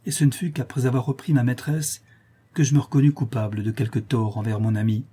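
A man's voice: medium pitch, warm tone, breathy edge, lightly acted. A man voicing a dying young nobleman who speaks faintly, then with sudden firmness, in a classic novel reading. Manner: faint, halting then firm. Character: dying young count, feverish and weak.

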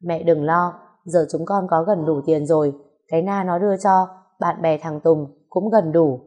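A woman's voice: deep voice, steady tone, moderate pace, dark tone, lo-fi sound. A woman reading the part of a firm, earnest middle-aged man pressing his mother. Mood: persuading. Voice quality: earnest, persuasive.

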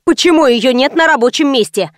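A woman voicing a stern young female salon owner who gives sharp, commanding orders in an audiobook. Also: high-pitched, expressive, fairly quick, dry recording, studio quality.

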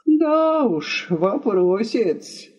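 A woman's voice: on the high side, big pitch swings, extremely slow, darkish tone, slightly rough, pitched above the performer's own voice, exaggerated voice. Woman voicing an ironic, meddling male guest. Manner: mock-sympathetic, ironic. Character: ironic gossipy male houseguest.

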